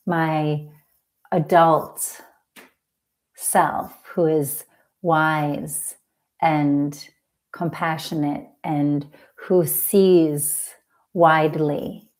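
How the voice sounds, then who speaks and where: A woman hosting a live healing talk, speaking gently and reflectively with drawn-out words. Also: sits low. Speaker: emotional healing coach and host.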